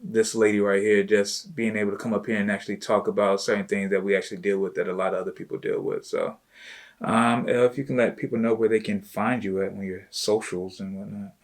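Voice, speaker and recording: Low-voiced man chatting casually. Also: level tone, quick pace. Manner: loose and informal, full of "you know" and "like". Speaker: host, entrepreneur. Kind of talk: casual chat with his wife.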